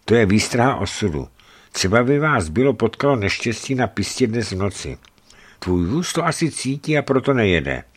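A man's voice: mid-range voice, big pitch swings, slightly rough, voice pushed up. A man voicing a devoted young male waiter who speaks earnestly and pleadingly.

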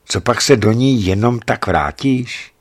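A man's voice: mid-range voice, close to an everyday voice. A man voicing an earnest young soldier speaking seriously and tenderly to the woman he loves.

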